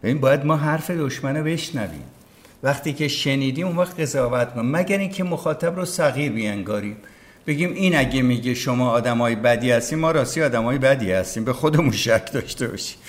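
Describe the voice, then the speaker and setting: A man, a veteran broadcaster, talking as a podcast guest in casual conversation, emphatic and opinionated, often acting out what others said. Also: medium pitch. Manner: emphatic, opinionated, acts out quoted speech.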